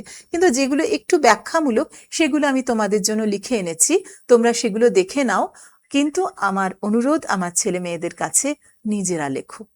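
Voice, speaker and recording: A woman teacher with a Bengali accent, explaining a poem to school students and reciting its lines with feeling. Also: mid-range voice. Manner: expressive, lingering over recited lines. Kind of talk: poetry lesson for school students.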